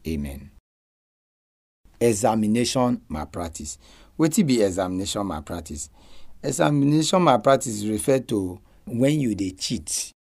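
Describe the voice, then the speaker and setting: A man speaks Nigerian Pidgin with a Nigerian accent, giving religious advice on radio. His voice is fairly low. He delivers it emphatically, swelling and dropping in loudness. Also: animated, moderate pace, gravelly.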